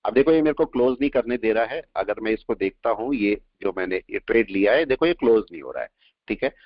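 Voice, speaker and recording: A man teaching a live trading class, explaining points and quizzing his students with quick questions. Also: fairly low pitch, expressive, no room sound. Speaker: trading instructor. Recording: dull lo-fi audio, dry.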